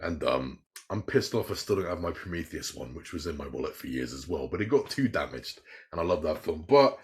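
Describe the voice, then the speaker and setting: Very deep-voiced, enthusiastic man. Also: sing-song, brisk. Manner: enthusiastic, rambling, swears a lot. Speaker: podcast host. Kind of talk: casual chat.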